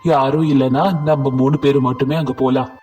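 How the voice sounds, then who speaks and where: A man voicing a gentle, patient father in a cartoon story, explaining things calmly. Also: medium pitch, brisk, faint music behind, lightly acted. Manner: calm, explaining. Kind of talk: cartoon voice acting.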